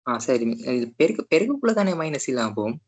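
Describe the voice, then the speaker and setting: A woman student asking questions quietly and tentatively. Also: very deep voice, very animated, fast talker, a crowd in the background.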